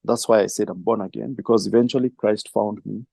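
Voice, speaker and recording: A middle-aged man answering interview questions, reflective and storytelling, with soft laughs. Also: on the low side, steady tone, fast, vocal fry, breathy edge, no room sound. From Kenya. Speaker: filmmaker and film trainer.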